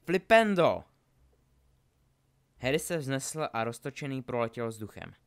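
A man narrating a storybook aloud in an expressive reading style. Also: medium pitch. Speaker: audiobook narrator.

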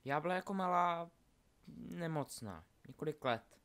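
A man voicing a nervous, chatty young witch in a storybook reading, soft and rambling with hesitations. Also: fairly high pitch, expressive, pitched above the performer's own voice. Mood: shy, chatty.

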